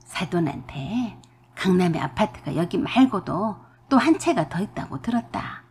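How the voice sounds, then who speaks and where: A woman's voice: medium pitch, lively intonation, moderate pace, husky, pitched below the performer's own voice. A woman voicing a pushy, greedy older mother-in-law who scolds and demands, in a radio drama reading. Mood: wheedling. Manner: domineering, scolding, shouting.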